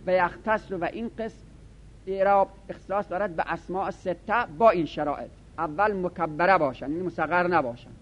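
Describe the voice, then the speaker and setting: A man teaching a grammar lesson, reading lines of a text aloud and explaining them in a casual way, sometimes hurrying through asides and sometimes drawing out the recited words. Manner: reads Arabic passages then explains them conversationally; shifts between fast asides and slow, drawn-out recitation. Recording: dull lo-fi recording with faint rumble.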